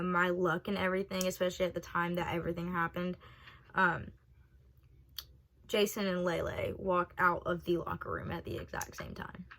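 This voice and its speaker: Young female vlogger, casual and profane, animated storyteller. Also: fairly low pitch. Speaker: vlogger telling a personal story.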